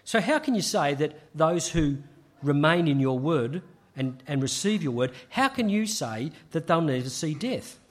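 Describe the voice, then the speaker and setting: A man delivering a sermon in a slightly raised, husky voice. He preaches in a measured, emphatic way and often pauses to restart a phrase. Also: a little high, big pitch swings.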